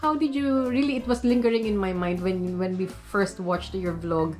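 A Filipino woman co-hosting a casual chat, asking long questions with pauses and fillers. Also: mid-range voice, fairly even intonation, darkish tone, faint music behind. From Philippines. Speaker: co-host.

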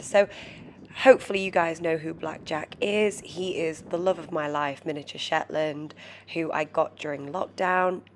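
A British woman in her twenties, low-voiced and nasal as if congested with a cold, narrates a vlog in a chatty, gushing, casual voiceover. There's a little hiss or hum in the background.

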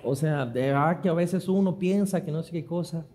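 Middle-aged pastor, higher voice with a warm, dark tone, animated storyteller. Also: male voice, moderate pace. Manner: animated storyteller acting out dialogue, laughing. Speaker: preacher. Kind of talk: storytelling sermon.

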